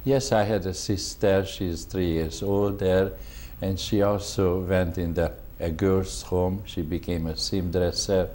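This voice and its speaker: A Hungarian-accented man in his seventies speaks English slowly in a very low, dark, mellow voice. He halts often and searches for words, and he stays polite throughout. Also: fairly even intonation, a little hiss or hum. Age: 70s. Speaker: veteran interviewee. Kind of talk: oral history interview.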